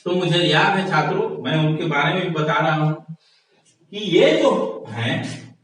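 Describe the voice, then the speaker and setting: A man's voice: on the high side, animated, a little slow, a bit bright. A man teaching a lesson, explaining step by step and asking questions that he answers himself. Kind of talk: classroom lesson. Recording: very echoey room, voice from a distance.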